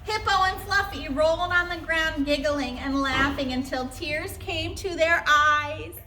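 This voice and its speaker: A woman teacher reads picture books and chapter books aloud, with expressive phrasing and chatty asides. Her voice is high and bright and unhurried. The recording has a roomy echo. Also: a little hiss or hum. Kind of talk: storybook read-aloud.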